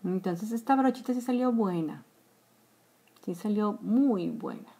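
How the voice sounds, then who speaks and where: Her medium-pitched voice is expressive, mellow and husky, and she speaks a little slowly. The speaker, a woman in her forties with a Mexican accent, is a makeup vlogger talking directly to viewers during a live tutorial from a small room; she's chatty, calls them girls and trails into whispers as she applies makeup, with a phone or webcam close by.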